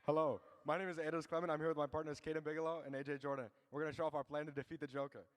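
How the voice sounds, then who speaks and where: A teenage boy presenting a chemistry demonstration with an eager, quick delivery. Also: on the high side, little pitch movement, slight background noise. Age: late teens. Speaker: student demonstrator. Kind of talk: scripted science explanation. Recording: echoey auditorium sound.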